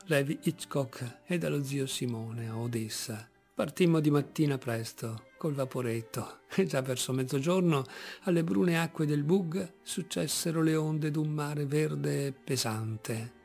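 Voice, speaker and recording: A man reading a literary story aloud as an audiobook, measured and expressive. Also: on the high side, vocal fry, faint music behind. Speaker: audiobook reader.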